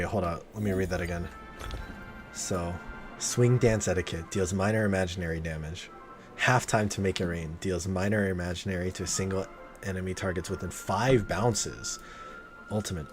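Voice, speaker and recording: A male game streamer with a low voice gives casual live-stream commentary on his gameplay at normal speed. He's excitable and slangy and swears freely, with the game's music and sounds playing behind his voice.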